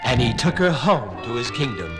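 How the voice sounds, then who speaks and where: Lively man narrating a fairy tale. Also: medium pitch, moderate pace, poor audio. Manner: expressive, storytelling. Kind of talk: scripted storybook narration. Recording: vintage children's record with faint music.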